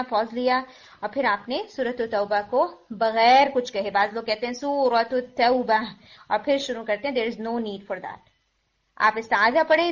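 A woman teaching the rules of Quran recitation, explaining step by step with patience and mixing in English words. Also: on the high side. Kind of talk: tajweed lesson. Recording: dull lo-fi recording.

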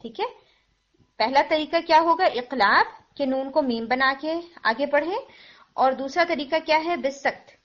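A woman with a high, fairly bright voice teaches the rules of Quran recitation at an unhurried pace. Her tajweed lesson moves patiently step by step, with English words mixed in. The recording sounds dull and lo-fi.

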